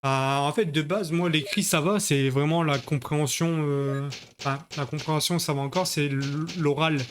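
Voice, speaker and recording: A man's voice: on the high side, fairly even intonation, normal speed, a little hiss or hum. A man streaming a video game live, chatting with his viewers in crude, joking banter. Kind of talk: live-stream gaming commentary.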